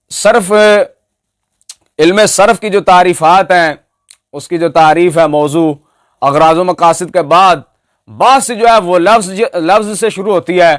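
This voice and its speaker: Mocking high-voiced male preacher. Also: no room sound, studio quality. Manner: mocking, emphatic, picks apart pronunciation. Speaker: Islamic preacher. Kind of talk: polemical religious speech.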